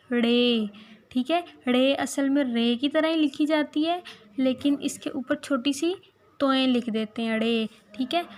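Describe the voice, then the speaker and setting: A woman teaches small children in a recorded lesson. Her fairly high voice moves slowly and patiently, repeating each word and checking with little questions. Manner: slow, coaxing, repeats words and asks little questions. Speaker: playgroup teacher.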